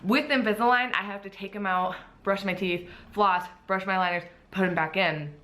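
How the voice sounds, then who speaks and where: A woman's voice: medium pitch, steady tone, normal speed, bright, forceful tone. A woman talking casually to her vlog audience in an upbeat, chatty way, with a slight lisp from wearing dental aligners. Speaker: vlogger, bikini competitor.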